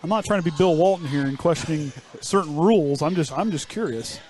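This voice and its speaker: A man calls a high school basketball game play by play, his voice a touch high for a man. Between plays he teases his co-hosts in a joking tone. He is broadcasting from a school gym. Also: a little fast, a little mellow. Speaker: play-by-play announcer. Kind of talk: live basketball commentary.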